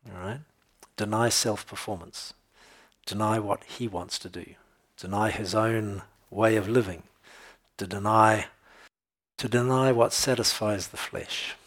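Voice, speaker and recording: Male pastor, low husky voice, relaxed conversational preaching with humor. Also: measured pace. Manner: conversational, tells jokes and laughs, checks in with "okay?". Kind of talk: sermon.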